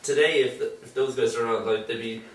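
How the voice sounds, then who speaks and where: A man co-hosting a joking tech news chat, animated and slipping into mock voices. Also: medium pitch, a little fast. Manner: animated, mimics voices in asides. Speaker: co-host. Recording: roomy, distant mic, faint hiss.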